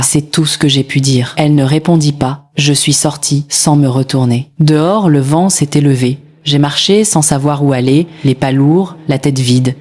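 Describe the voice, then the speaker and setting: A woman narrating a first-person story at a measured, even pace, in a melancholy tone. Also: low-pitched.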